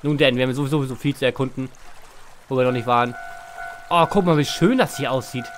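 A man's voice: mid-range voice, fast talker. A man hosting a let's play, casually commenting on the game, reading its text aloud and joking as he goes. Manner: playful, reads game text aloud and jokes. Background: faint game music.

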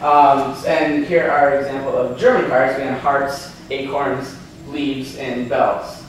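In a hotel meeting room, a man in his 30s presents an informal lecture with slides, speaking slowly with fairly even intonation at medium pitch. He chats, restarts often, says um a lot, and poses questions to the audience. Recorded only by a far-off camera without a handheld mic, the audio is echoey with a little hiss or hum.

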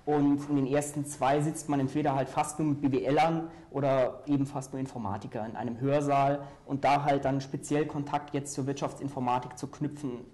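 A young man from Saarland, a student mentor, explaining calmly as a guest in a studio interview. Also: medium pitch, fairly quick, few pauses. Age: young adult. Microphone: lapel mic.

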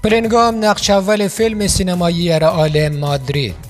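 A man's voice: high-pitched, fairly even intonation, faint music behind. A man narrating scripted football news in a formal newsreader manner, as a studio voice-over.

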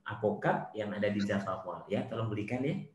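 A man's voice: fairly low pitch, expressive, a little fast, echoey room, slight background noise, voice pushed down, close to an everyday voice. A man voicing a busy wife who lists a long string of errands for her husband in a run-on stream of requests. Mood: insistent.

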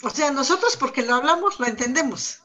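A woman from the Sierra Norte of Oaxaca with a somewhat high voice, talking as a language teacher. She explains step by step in an easy conversation, pauses on fillers and repeats words as she thinks. It sounds like a relaxed talk between colleagues. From Sierra Norte of Oaxaca, Mexico. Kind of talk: conversational discussion.

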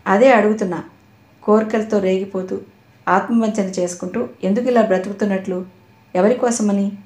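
A woman's voice: medium pitch, fairly even intonation, normal speed, darkish tone, close to an everyday voice. A woman voicing an earnest middle-aged man who insistently pleads his love, in an audio novel. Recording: roomy echo.

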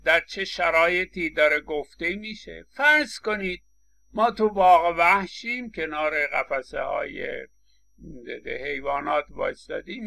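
A man's voice: high-pitched, vocal fry, sharp tone. A man giving a recorded lecture, explaining with examples, acting out short quotes and often stammering on restarts. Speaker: linguistics lecturer.

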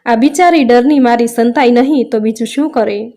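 A woman's voice: a little high, normal speed, dark tone, lightly acted. A woman reading as a stern, wrathful male god. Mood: solemn. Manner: stern, cutting.

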